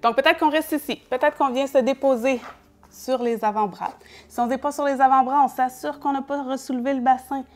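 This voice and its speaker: Québécoise prof de yoga, voix assez aiguë. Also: female voice, high voice, brisk. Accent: Quebec French. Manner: calm step-by-step instructions with light laughs. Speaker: yoga teacher. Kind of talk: guided yoga class.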